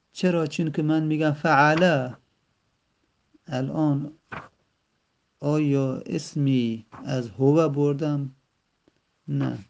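Guy teaching grammar, gravelly low-key voice, dull lo-fi sound, keeps repeating stuff so it sinks in. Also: warm tone. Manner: patient, repeats and rephrases terms, addresses the student directly. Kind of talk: explanatory lesson. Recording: dull lo-fi recording.

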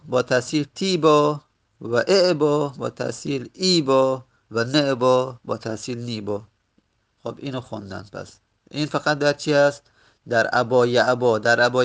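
Man slowly reciting an Arabic grammar lesson. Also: medium pitch, vocal fry. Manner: slow, repetitive recitation of word forms; self-correcting, with frequent pauses. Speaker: teacher.

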